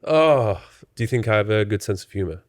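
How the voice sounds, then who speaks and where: A man's voice: on the low side, animated, brisk, dry recording, clean studio sound. A man hosting a podcast in casual interview chat, teasing and jokey, often laughing. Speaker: podcast host.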